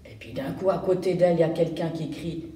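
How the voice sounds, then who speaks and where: A woman reading a picture book aloud to young children in a library, explaining words as she goes. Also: fairly low pitch. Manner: slow and animated, explaining words to kids. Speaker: volunteer children's reader. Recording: roomy room, distant mic.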